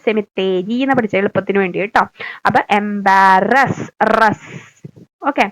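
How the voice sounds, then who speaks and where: Keralan woman teaching spellings slowly. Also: a little high, low-quality recording. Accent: Keralan Malayalam. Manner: slow, stressed, repeated spelling-out of words; coaxing, adds "kettō" tag to lines. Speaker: exam-prep English teacher. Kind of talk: spelling lesson in Malayalam.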